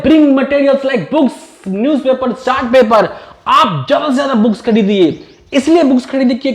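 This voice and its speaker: A man's voice: very high voice, echoey room. A man giving a motivational spoken-English lesson, mixing Hindi with simple English phrases and repeating each point. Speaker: English teacher.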